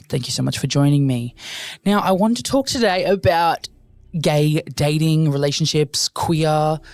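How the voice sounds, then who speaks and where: A man's voice: a little high, a little mellow, dry recording. A young man hosting a casual solo podcast, rambling and joking at his own expense as he talks straight to his listeners. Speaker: podcast host.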